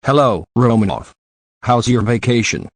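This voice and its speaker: Man reading a gruff male spy chief. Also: mid-range voice, animated, moderate pace, no room sound. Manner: gruff, teasing.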